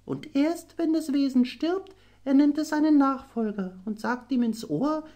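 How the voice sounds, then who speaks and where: High voice, dark tone, sorrowful young mermaid princess, gentle, storybook reading. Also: male voice. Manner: soft, high storytelling voice with slow, drawn-out phrases. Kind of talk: audiobook character voice.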